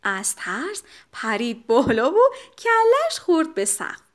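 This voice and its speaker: High, lively woman telling a children's story. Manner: animated, expressive.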